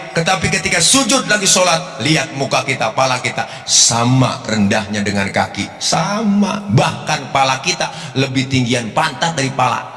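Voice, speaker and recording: Preacher man, jokey slangy sermon, kinda bright voice, big hall echo. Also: mid-range voice, slight background noise. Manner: lively, joking, slangy, often sing-song. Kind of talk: comic sermon. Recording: echoey hall, faint music.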